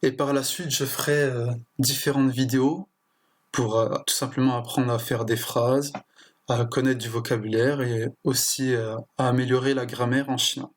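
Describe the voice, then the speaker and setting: Husky-voiced man teaching a lesson. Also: medium pitch, fairly even intonation, moderate pace. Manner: hesitant, with frequent fillers and restarts. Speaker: language teacher. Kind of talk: explanatory lesson.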